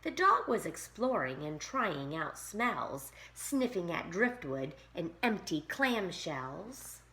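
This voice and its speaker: A woman teacher reading a rhyming picture book aloud to young children in an expressive, sing-song way. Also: on the low side, takes it slowly. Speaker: pre-K teacher.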